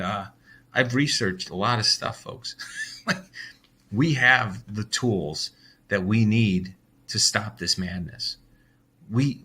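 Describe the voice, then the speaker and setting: Husky, bright-voiced American man ranting. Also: lowish voice. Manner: heated, blunt, swears, restarts a lot. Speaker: host of a daily bible reading livestream. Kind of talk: ranting casual monologue.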